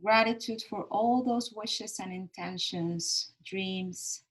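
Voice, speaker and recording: Slow, calm woman guiding grounding meditation. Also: medium pitch. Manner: soothing, gently instructive, pausing between short phrases. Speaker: meditation guide.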